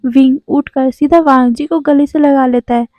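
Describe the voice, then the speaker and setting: Woman storyteller, casual narration with explanatory asides, high voice, dull lo-fi sound. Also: fairly even intonation, moderate pace, dry recording. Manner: explanatory asides, self-corrections.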